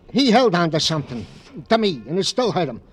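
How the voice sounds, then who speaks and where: In an old radio drama, a man with a high voice plays a loyal, fussing American police sergeant sidekick for comic relief. He sounds indignant, folksy and stammering, mangling his phrases.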